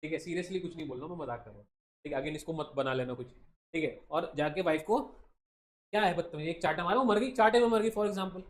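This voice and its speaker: Fast-talking Indian man teaching law in class. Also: a little high. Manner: joking, animated, addresses students as beta, many tag questions like thik hai. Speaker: law entrance coaching teacher. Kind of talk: classroom lecture in Hindi mixed with English legal terms. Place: classroom with students.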